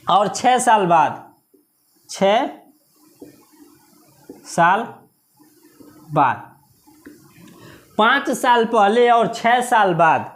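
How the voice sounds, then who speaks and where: A man with an Indian accent teaching a maths lesson for exam preparation, repeating key words slowly and asking the class questions. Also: sits high, a bit bright. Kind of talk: exam-prep video lesson.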